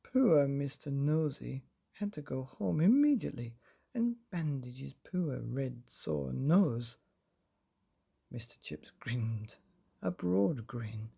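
A man reads a children's book as an expressive bedtime storyteller, taking his time and adding dramatic pauses. His mid-range voice is husky with vocal fry.

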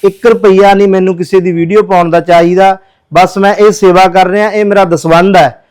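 A man's voice: high-pitched, fairly even intonation, a little fast, darkish tone, clean tone, poor audio. A man who works as a social worker, pleading earnestly with viewers in a charity appeal video.

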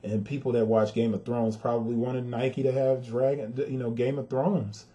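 A man's voice: medium pitch, level tone, moderate pace, warm tone. A man who is a father gives a casual, emphatic sneaker review, talking straight to his viewers and venting his frustration. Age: adult with a son.

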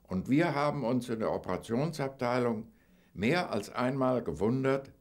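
An elderly man recalls the past in a studio interview. He speaks deliberately and with emphasis, his medium-pitched voice moving widely in intonation. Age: 70s or older. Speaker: documentary eyewitness, former naval staff officer. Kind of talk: interview recollection.

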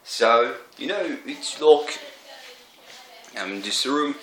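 A man's voice: medium pitch, lively intonation, sharp tone, a little hiss or hum. A man rambling casually in a vlog with lots of fillers and restarts, his voice tired and strained. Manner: halting, full of fillers and repeats. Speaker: vlogger. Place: indoor room. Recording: echoey room.

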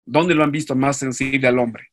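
A man's voice: medium pitch, fairly even intonation, moderate pace, a bit bright. A man teaching an online class, explaining at length and putting questions to his students.

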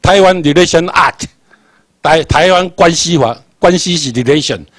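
A man's voice: a little high, moderate pace, fairly bright tone, no echo. A man with a Taiwanese accent lecturing a class, repeating points and quizzing the listeners. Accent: Taiwanese Hokkien. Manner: repetitive, quizzes the class, spells out English letters.

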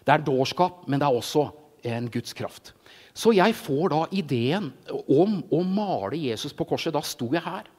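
A middle-aged man gives an informal sermon testimony, telling his story in an animated way and acting out voices. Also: fairly high pitch, breathy edge. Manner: animated storytelling, acts out voices, frequent "ikke sant". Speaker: preacher. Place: large church hall. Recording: reverberant church hall.

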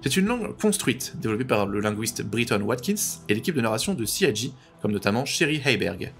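A man narrating a language tutorial, patiently explaining and slowly repeating pronunciations. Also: medium pitch, very animated, a bit bright, faint music behind. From French-speaking.

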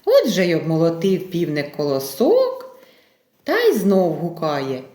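A woman teacher reading a fairy tale aloud to small children in a gentle, expressive storyteller voice. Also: lowish voice, measured pace. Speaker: kindergarten teacher. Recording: echoey room.

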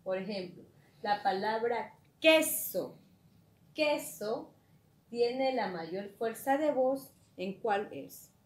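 A woman teacher giving a slow, patient classroom lesson and checking in with her students through frequent questions. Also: medium pitch, darkish tone. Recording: echoey room, faint ambience.

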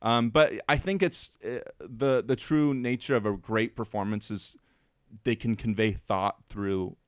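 A man's voice: on the low side, measured pace, clear, resonant tone, dry recording, studio quality. A man co-hosting a podcast, chatting casually and emotionally about a film, with lots of fillers. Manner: rambling, emotional, filler-heavy. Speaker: podcast co-host. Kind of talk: casual film review chat.

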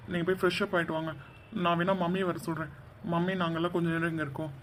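A man voicing a young man who gently coaxes his mother to stop crying, in a cartoon dub. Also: fairly high pitch, flat delivery, racing, a little hiss or hum, natural voice. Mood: coaxing. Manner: gentle, coaxing.

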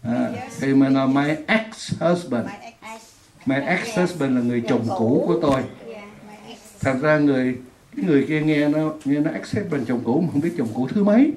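A woman's voice: a bass voice, normal speed, a crowd in the background. A woman teaching an English lesson in a classroom, patiently repeating words for her students to drill. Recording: echoey room.

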